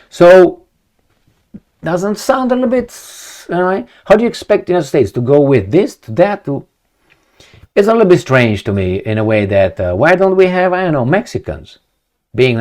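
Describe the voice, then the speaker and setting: A Romanian video commentator with a mid-range, darkish voice talks to camera in a rambling opinion monologue. It's full of rhetorical questions and repetition.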